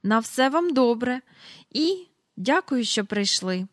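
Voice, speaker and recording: A woman's voice: fairly high pitch, big pitch swings, takes it slowly, fairly bright tone, no echo, studio quality, voice pushed up, exaggerated voice. A woman voicing a prim, stern magical nanny who speaks curtly. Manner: prim and curt.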